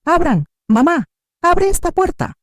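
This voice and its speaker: A woman's voice: normal speed, mellow, no echo, studio quality, close to an everyday voice. A woman voicing a desperate grown daughter who pleads through crying in an audio story. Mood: desperate pleading. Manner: shrill, crying pleas.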